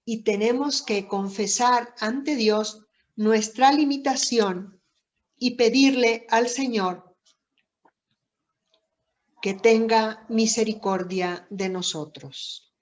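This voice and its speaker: A woman giving a reflective Bible lesson, speaking deliberately with many pauses and rhetorical questions. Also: on the high side. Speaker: Bible teacher. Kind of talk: slow, reflective Bible teaching. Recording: dull lo-fi recording.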